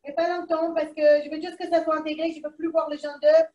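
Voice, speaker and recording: A woman's voice: high-pitched, flat delivery, brisk, mellow, reverberant, far from the mic, muffled recording. A woman with a foreign accent in French presents a live cooking demonstration from a kitchen, chatting to herself as she works. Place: kitchen, indoors.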